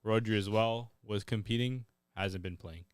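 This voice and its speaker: A man co-hosting a casual football podcast who argues his points in a measured way, often hedging with "I think". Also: lowish voice, smooth, dry recording, studio quality. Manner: measured, reasoning, hedges with "I think". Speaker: podcast co-host.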